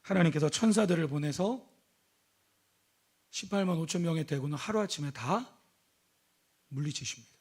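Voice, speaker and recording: High-voiced male pastor preaching. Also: moderate pace, long pauses, husky. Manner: preaching with sudden swings between loud exhortation and hushed, intimate speech; asks the congregation questions and calls out hallelujah. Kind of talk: sermon.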